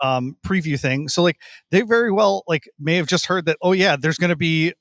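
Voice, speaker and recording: A man's voice: a little high, normal speed, fairly bright tone, dry recording, clean studio sound. A man guesting on a sports podcast, explaining his view in casual chat, hedging often with "like.".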